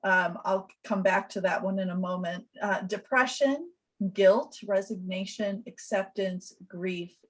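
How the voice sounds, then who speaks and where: A woman who works as a death doula, giving a gentle, reflective webinar presentation over a video call. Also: mid-range voice, fairly even intonation, measured pace, poor audio.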